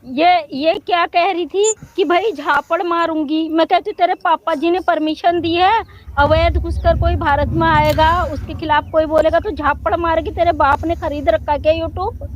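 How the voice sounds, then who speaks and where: A woman's voice: very high-pitched, fairly even intonation, moderate pace, highs cut off. A woman ranting heatedly on a talk video, scolding a critic while a little unwell. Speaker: YouTube commentator. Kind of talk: angry rant reacting to a critic.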